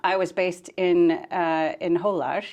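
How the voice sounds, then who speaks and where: A woman's voice: on the low side, steady tone, measured pace, darkish tone. A woman, a scientist guest chatting in an easygoing, conversational way. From United States. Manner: easygoing and conversational, thinking aloud. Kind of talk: casual interview chat.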